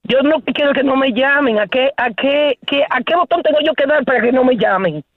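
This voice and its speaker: A woman's voice: high voice, a little fast. A woman on a telephone call, complaining in an indignant, insistent and exasperated way. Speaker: prank call victim. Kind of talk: exasperated phone conversation. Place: at home on the phone. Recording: dull lo-fi telephone line.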